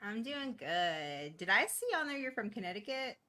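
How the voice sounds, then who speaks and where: A woman's voice: medium pitch, big pitch swings, normal speed, pushed and bright. A woman guest raised in East Boston, talking candidly in a casual interview, with plenty of fillers and laughs. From East Boston, Massachusetts.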